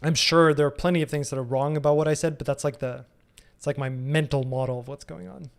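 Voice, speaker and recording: A man's voice: on the high side, steady tone, quick pace, vocal fry. A man in his thirties answering viewer questions casually in a live stream, thinking aloud with frequent ums and restarts. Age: 30s.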